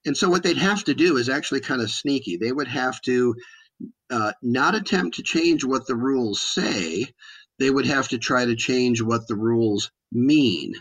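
American male expert guest, medium pitch, emphatic and halting political explainer. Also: animated, a bit bright.

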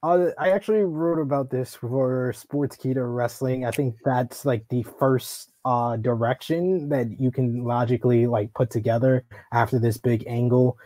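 A man's voice: medium pitch, moderate pace, few pauses, warm tone, no room sound. A man co-hosting a wrestling show, explaining his take casually with plenty of "you know" and "like". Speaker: wrestling writer and co-host. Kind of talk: casual news commentary.

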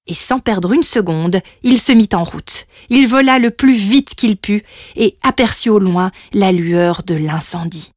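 A woman narrating a children's storybook in an expressive, playful way. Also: medium pitch, unhurried, no echo, clean studio sound. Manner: expressive, playful with sound words.

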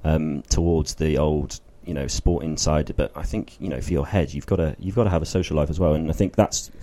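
Deep-voiced man hosting a jokey podcast. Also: steady tone, fairly quick, dark tone. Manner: jokey, laughs often, rambling with restarts. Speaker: podcast host. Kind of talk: casual podcast chat.

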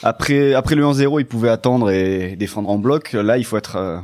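A man's voice: medium pitch, fairly even intonation, a little fast, a little mellow. A man analysing football tactics in casual conversation as a pundit.

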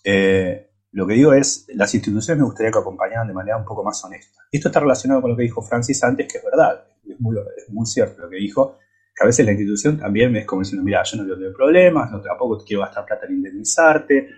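A man's voice: lowish voice, fast talker, a little mellow, husky. A man from Buenos Aires with an Argentine accent, debating in a reflective, hesitant way with frequent restarts. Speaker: podcast panelist. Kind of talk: casual debate.

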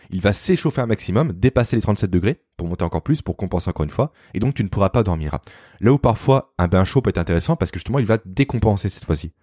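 A man's voice: sits low, darkish tone, no echo, clean studio sound. A man explaining health topics as a guest, in a didactic, informal way. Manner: fast, didactic, addresses the listener informally. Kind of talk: explanatory podcast talk.

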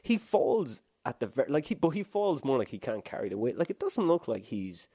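A man's voice: mid-range voice, very animated, moderate pace, mellow, breathy edge, no room sound, studio quality. A man in his thirties in a casual comedic chat, rambling and jokey, laughing often and restarting his sentences.

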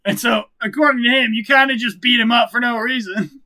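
A man's voice: very high-pitched, steady tone, fairly quick, bright, forceful tone. A man narrating a tabletop role-play game as game master, playful and often laughing.

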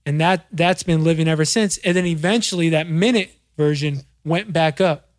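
A man chats casually as host of a DJ podcast, his voice sitting a bit higher than most. He talks loosely, restarting phrases and dropping curses along the way. The sound is close and dry, with no room around it. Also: normal speed, no room sound. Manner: loose, swearing, repeats words as he restarts.

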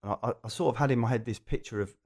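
A man's voice: mid-range voice, very fast, darkish tone, husky. A man with an Essex accent telling anecdotes in a casual chat, in a rambling, jokey way. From Essex, England. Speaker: podcast guest.

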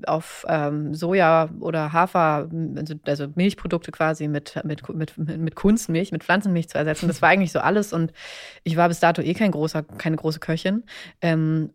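A woman from Berlin chats as a guest on a podcast. Her voice sits a little low and sounds close and dry. She speaks candidly, with many fillers and restarts. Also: no echo. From Germany, Berlin. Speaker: guest musician. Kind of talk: casual interview.

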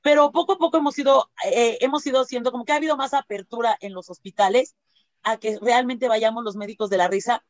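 A woman's voice: fairly high pitch, fast, dry recording, dull audio. A woman with a Mexican accent, a laughter-doctor guest, chatting casually and acting out quotes as she tells stories. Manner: lively storytelling, often acts out quotes; frequent tag questions and fillers. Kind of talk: casual interview chat.

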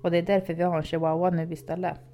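A woman's voice: fairly low pitch, flat delivery, warm tone, faint music behind, lightly acted. A woman voicing a frightened young boy who speaks in an urgent, confiding way. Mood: upset.

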